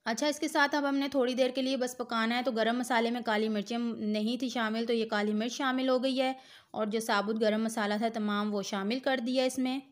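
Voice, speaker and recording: A middle-aged woman walks the viewer through a home recipe one step at a time. Her voice sits a little high, and her tone stays patient and instructive. She speaks straight to the listener as a cooking host. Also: fairly even intonation, fairly quick. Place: home kitchen.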